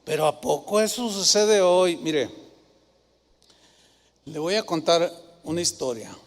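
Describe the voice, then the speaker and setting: Animated Mexican pastor preaching, high voice. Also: male voice, unhurried, long reverb tail. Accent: Mexican Spanish. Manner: animated storytelling, acting out quoted voices. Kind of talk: sermon.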